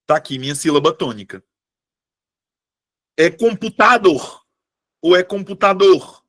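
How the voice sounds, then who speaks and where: A young Brazilian man teaching Portuguese in a live online exam-prep class, lively and chatty, calling students by name and "meus amores". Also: a little high, normal speed, dry recording, clean studio sound.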